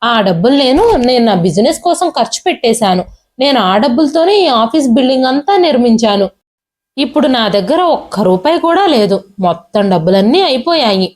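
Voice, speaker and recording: A woman's voice: on the high side, big pitch swings, brisk. A woman storyteller voicing a cruel, arrogant grown son who talks down to his father harshly. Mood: shouting. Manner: harsh, dismissive, yelling.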